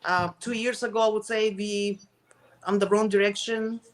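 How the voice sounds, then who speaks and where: A middle-aged Russian woman from the Soviet Union answers casually as an interview guest, speaking with a Russian accent. Her medium-pitched voice is steady, and she is halting at times, searching for words in non-native English.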